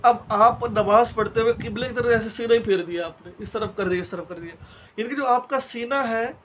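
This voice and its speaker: A man's voice: extremely high pitch, a bit bright, slight background noise, low-quality recording. A man giving an instructional religious lesson, walking through numbered rules one by one with everyday examples and rhetorical questions, and speaking to his listeners directly. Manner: addresses listeners directly and informally. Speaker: Islamic religious teacher.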